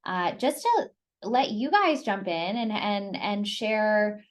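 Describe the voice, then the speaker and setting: A woman's voice: mid-range voice, expressive, slow pace. A woman presenting on an online group call, giving informal motivational advice and repeating phrases for emphasis. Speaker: presenter leading the discussion.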